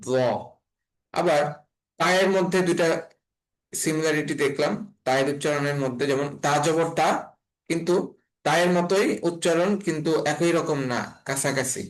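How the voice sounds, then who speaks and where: A man from Bangladesh teaching an online class on letter pronunciation, speaking slowly and repeating each sound several times. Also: fairly high pitch, rough recording. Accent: Bangladeshi Bengali. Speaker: Quran reading teacher.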